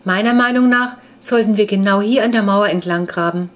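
A woman's voice: mid-range voice, fairly quick, close to an everyday voice. A woman reading a man in a storybook who measures out the dig site and thinks aloud about where to dig. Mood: musing. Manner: musing, calculating aloud. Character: man pondering a treasure map.

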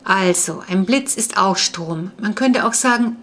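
A woman reading the part of a friendly brother who eagerly explains things and gets excited. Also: mid-range voice, a little slow. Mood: eager explaining.

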